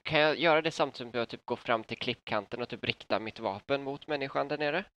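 A man's voice: medium pitch, fairly bright tone, dull audio. A man playing in a tabletop game, asking questions and saying "typ" often. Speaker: player. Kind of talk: casual chat.

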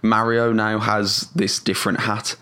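A man's voice: on the low side, little pitch movement, unhurried, sharp tone, clean tone. A man co-hosting a casual podcast, hesitant and full of fillers but blunt and sarcastic in his opinions. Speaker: podcast co-host. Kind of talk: casual chat.

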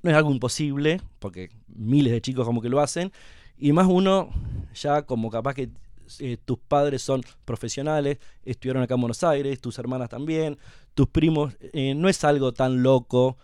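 A middle-aged Argentine man from La Pampa, a company co-founder chatting as a guest in an interview, telling his story in a relaxed way with lots of fillers. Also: medium pitch, moderate pace, clear, resonant tone, dry recording, clean studio sound. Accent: Argentine Spanish. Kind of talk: casual interview conversation.

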